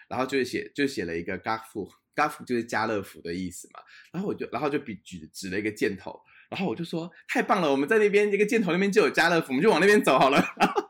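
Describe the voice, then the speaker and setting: A young man co-hosting a podcast, telling a travel story in a lively way, laughing often and dropping in English words. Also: lowish voice, breathy edge. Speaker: podcast co-host. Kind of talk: casual chat, storytelling.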